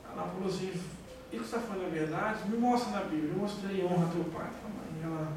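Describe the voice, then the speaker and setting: In a church hall, a pastor with a Brazilian Portuguese accent gives an emotional testimony sermon, acting out the dialogue as he tells it. His voice is high-pitched, quick and darkish in tone. The recording is very echoey and faintly hissy, with him far from the mic.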